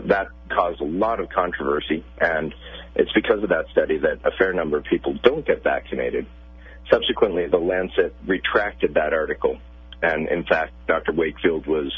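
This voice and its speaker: A pediatrician, a man, calmly explaining medical questions as a guest on a radio interview, heard over a phone line. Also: extremely low pitch, slightly rough, no room sound.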